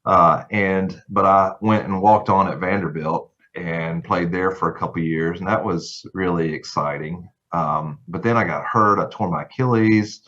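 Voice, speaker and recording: A man's voice: deep voice, fairly even intonation, normal speed, few pauses. A middle-aged man from Tennessee with a Southern accent, a guest on a podcast telling folksy stories about growing up. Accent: Southern American. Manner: folksy, warm storytelling with laughs. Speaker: guest lawyer. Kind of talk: casual podcast interview. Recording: somewhat dull lo-fi sound.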